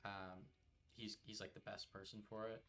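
A man's voice: fairly low pitch, level tone, moderate pace, a bit bright. A young man co-hosting a podcast, chatting casually about a video game while playing, rambling with lots of fillers and swearing. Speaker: podcast co-host.

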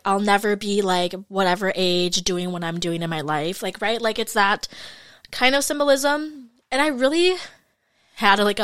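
Podcast host, woman, mid-20s, chatty and candid, clear smooth tone, dry close mic. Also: medium pitch, fairly bright tone, dry recording. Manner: chatty, frank, fillers like "like" and "you guys". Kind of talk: casual solo podcast monologue.

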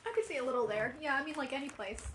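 A woman's voice: high-pitched, very fast, fairly bright tone, slight background noise. A woman co-hosting a casual podcast, making dry, wry remarks. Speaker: podcast co-host. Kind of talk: casual chat.

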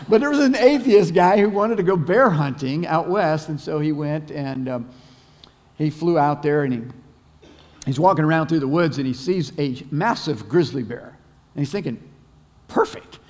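A man's voice: fairly high pitch, lively intonation, moderate pace, darkish tone. Conversational male pastor in echoing hall. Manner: conversational, repeats words, storytelling. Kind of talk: sermon. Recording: long hall reverb.

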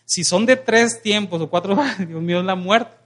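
A man's voice: high voice, moderate pace. A young man with a Mexican Spanish accent preaching a sermon as pastor, joking and calling on the congregation to answer him. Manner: lively, joking preacher who calls for congregation responses.

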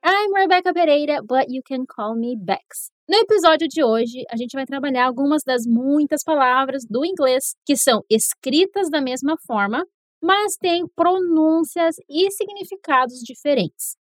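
A Brazilian woman with a high, bright-pitched voice teaches English pronunciation on a podcast. She sounds upbeat and encouraging and slows down to model each English word. The recording is dry and close to the mic. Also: animated, dry recording. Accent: Brazilian Portuguese.

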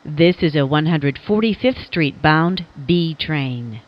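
A woman gives scripted train announcements in a low, slow voice. The phrases sound stitched together from separate recorded pieces. The recording is muffled, with faint noise. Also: animated.

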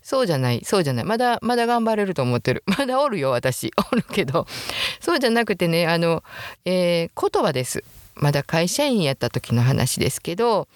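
A woman in her sixties with a Kansai accent hosting a casual solo talk show from her home closet, chatty and quick to laugh at herself. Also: on the low side, sing-song, no room sound. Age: 60s. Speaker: podcast host.

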